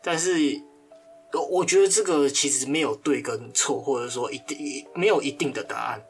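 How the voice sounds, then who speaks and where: A man's voice: medium pitch, normal speed, faint music behind. A man co-hosting a podcast, easygoing and playful in casual chat. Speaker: podcast co-host.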